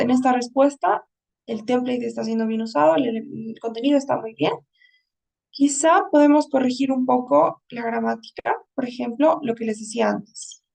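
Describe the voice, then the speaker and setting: A woman's voice: fairly high pitch, gravelly, darkish tone, distant mic, rough recording. A woman English teacher giving a writing lesson, explaining patiently and often checking in with her students.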